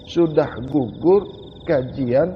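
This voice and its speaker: A man with a Malaysian Malay accent giving a Sufi sermon, slowly asking questions and driving points home by repeating them. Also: fairly high pitch, gravelly, in a large hall, dull audio, a little hiss or hum. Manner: slow, questioning, emphatic repetition. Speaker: religious teacher.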